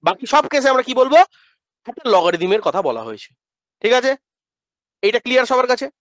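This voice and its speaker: A male math teacher giving a classroom lecture, asking questions and answering them himself as if he were a student, and drilling pronunciation slowly. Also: very high voice, big pitch swings, a bit bright, no room sound. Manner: asks and answers his own questions in students' voice. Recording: dull lo-fi dry sound.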